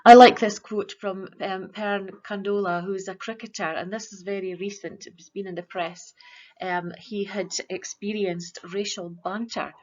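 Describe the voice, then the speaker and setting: A woman teacher speaks to a school assembly in an earnest, measured way, pausing on ums. Her voice sits in a middle pitch. The recording is slightly dull and lo-fi. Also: steady tone. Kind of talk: presenting a virtual school assembly.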